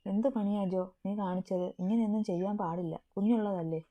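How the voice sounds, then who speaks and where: A woman voicing a playful, caring young wife in a storybook reading, a little raised and louder, with a narrow phone-like sound. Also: mid-range voice, a little fast, natural voice. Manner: playful, coaxing.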